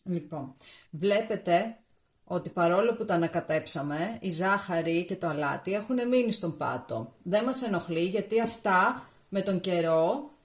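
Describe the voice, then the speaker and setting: A woman's voice: lowish voice, expressive. A woman with a Greek accent chatting casually to viewers as she walks through her cooking steps in a home kitchen, recorded from a camera on the counter. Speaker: cooking vlogger. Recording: echoey kitchen.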